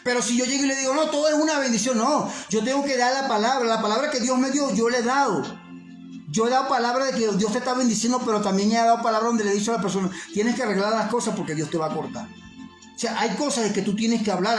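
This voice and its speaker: A man preaching an earnest, insistent sermon, repeating his points. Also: high voice. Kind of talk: fervent sermon. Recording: roomy echo with faint music.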